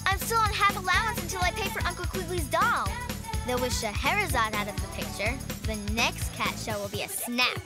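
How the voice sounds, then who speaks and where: An actress voicing an eager, cheerful twelve-year-old witch girl who gushes excitedly. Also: sits high, fairly quick, loud music behind the voice, lightly acted. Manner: excited, gushing.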